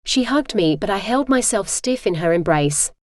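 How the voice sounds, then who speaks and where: A synthetic woman's voice reading a first-person audiobook in a steady, even manner. She has a middle pitch, and the sound is dry and close with no room around it. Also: normal speed, dry recording. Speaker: audiobook narrator. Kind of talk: scripted first-person narration.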